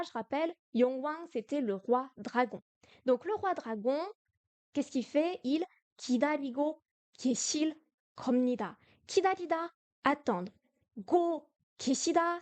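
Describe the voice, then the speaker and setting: High-voiced woman streaming a korean lesson, goes slow, repeats stuff, fixes herself a lot. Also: a little mellow, no echo. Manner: explains slowly, repeating words and correcting herself. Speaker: Korean language teacher.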